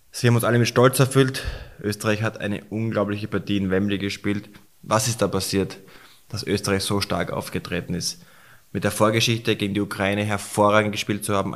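Hoarse man, low voice, fast and emotional sports podcast monologue. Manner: emotional, rushed and fervent. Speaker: podcast host. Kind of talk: solo sports recap podcast.

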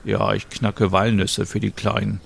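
A man voicing a kind, quirky young man in a calm, easygoing manner. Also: lowish voice, measured pace, vocal fry, slightly rough, heavily acted. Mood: friendly. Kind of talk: voicing characters in a narrated story.

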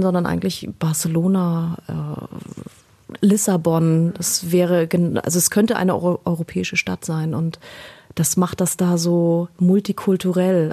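A woman in her thirties speaks in a low, flat, gravelly voice with a husky edge. She answers interview questions earnestly and pauses often to find her words. Her tone stays warm and mellow throughout. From Germany. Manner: earnest, with frequent hesitations and repeated words. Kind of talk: personal interview.

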